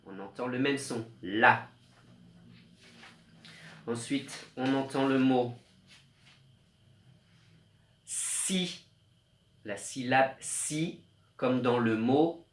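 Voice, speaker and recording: A man teaching a remote lesson to young children, slowly stressing each syllable as he explains musical notes and rhymes. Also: mid-range voice, a little hiss or hum. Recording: echoey room.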